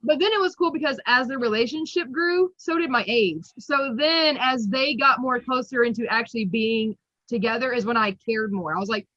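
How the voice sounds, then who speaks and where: A woman's voice: fairly high pitch, normal speed, fairly bright tone, no echo. A woman in her thirties chatting casually as an interview guest, laughing often between her thoughts, heard over a video call. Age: 30s. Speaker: guest collector. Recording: muffled, dry.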